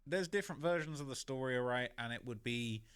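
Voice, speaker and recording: A man's voice: medium pitch, quick pace, fairly bright tone, clean tone, dry recording. A man narrating a story in a conversational way, with many "you know" and "basically" fillers. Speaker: YouTube narrator.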